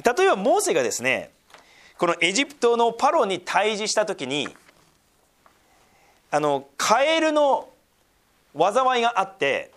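A man preaching a sermon, reading scripture aloud and then explaining it with lively asides. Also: high-pitched, a little slow, pauses often. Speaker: pastor.

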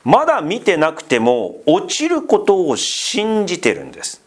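A man's voice: sits high, huge pitch swings, unhurried. A man preaching a casual, conversational sermon as pastor, full of fillers and asides, asking the congregation questions and teasing them. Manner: chatty, asks the congregation questions and teases them.

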